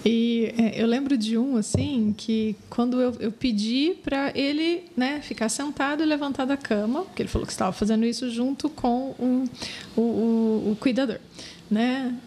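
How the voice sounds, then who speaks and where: A woman's voice: fairly high pitch, normal speed, mellow, a little hiss or hum. A woman, a physiotherapist talking in an interview, who agrees often and acts out conversations with patients. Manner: engaged, plenty of agreeing fillers, acts out dialogue with patients.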